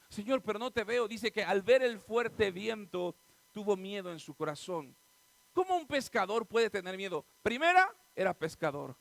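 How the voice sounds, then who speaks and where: A male pastor, preaching an animated sermon and swinging from loud, high cries to soft, low asides. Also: creaky, no room sound, low-quality recording.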